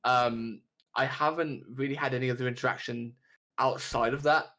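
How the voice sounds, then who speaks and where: A man's voice: medium pitch, steady tone, moderate pace, sharp tone. A man co-hosting a podcast in casual chat, hesitant and full of "um"s and restarts. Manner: hesitant, with many "um"s and stammered restarts. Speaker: podcast co-host.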